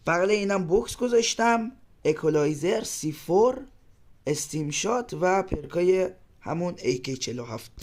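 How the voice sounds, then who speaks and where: A man casually walking through game weapon loadouts, listing items in a relaxed, quick way. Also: fairly high pitch. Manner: relaxed, explains quickly in a list-like way. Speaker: gaming channel host.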